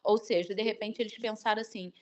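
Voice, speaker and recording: A woman's voice: medium pitch, steady tone, fast talker, dull audio. A woman telling a dramatic personal testimony, acting out the dialogue as she goes. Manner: vivid retelling that acts out the dialogue. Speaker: guest sharing a testimony. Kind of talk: emotional personal storytelling.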